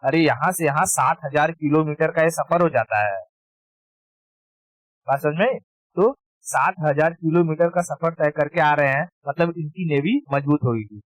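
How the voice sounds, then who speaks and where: A man's voice: a little high, normal speed, dry recording, rough recording. A man teaching history in a casual exam-prep lecture, informal, repeating key terms and checking that students follow.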